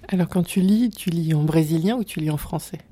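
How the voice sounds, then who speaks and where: A woman's voice: on the low side, brisk, mellow, husky. A woman interviewing a guest, asking friendly, direct questions.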